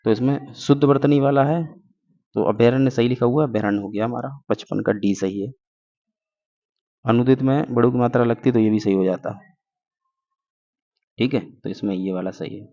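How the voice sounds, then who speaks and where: A man's voice: mid-range voice, fairly even intonation, moderate pace, long pauses, mellow. A man teaching an exam-prep grammar lesson, explaining step by step and answering his own questions. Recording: dull lo-fi recording.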